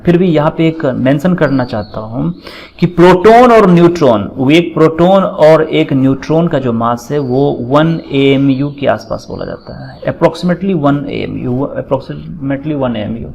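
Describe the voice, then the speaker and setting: A man giving a chemistry lecture, explaining slowly, checking in often and dictating formulas word by word. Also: on the high side, darkish tone, poor audio. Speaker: chemistry teacher. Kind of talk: classroom lecture.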